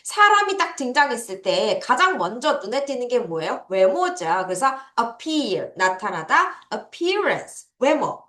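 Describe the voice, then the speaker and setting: A woman teaching English words to children, drilling them slowly and laughing now and then. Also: a little high, big pitch swings, sharp tone. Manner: slow, drawn-out drilling of words. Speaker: English tutor. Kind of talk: online vocabulary lesson for children. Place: classroom. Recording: echoey room.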